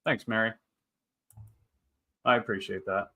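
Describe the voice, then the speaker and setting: This livestream host, a man of thirty, chats casually with viewers, reading their comments and responding in upbeat, rambling banter. He has a lowish, husky voice that's bright and forceful, with a steady tone and a slightly slow pace.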